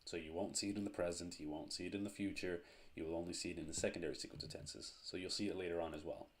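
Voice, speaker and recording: A man teaching a language lesson, explaining grammar step by step in a slow, methodical way. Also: low voice, fairly even intonation.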